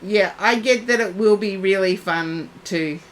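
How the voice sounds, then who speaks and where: A woman's voice: mid-range voice, a little slow, low-quality recording. A woman giving psychic readings on a live stream, chatting and addressing viewers by name. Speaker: psychic reader.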